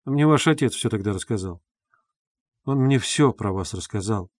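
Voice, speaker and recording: A man reading the part of a brooding young man who speaks curtly and low in an audiobook. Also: expressive, normal speed, dry recording, clean studio sound. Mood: probing.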